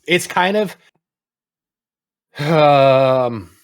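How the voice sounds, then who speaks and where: A man's voice: on the high side, drawn-out words, smooth, no room sound, studio quality. A young man co-hosting a gaming podcast, rambling and swearing as he tells stories in casual chat. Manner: rambling, profane, animated storytelling. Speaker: podcast co-host.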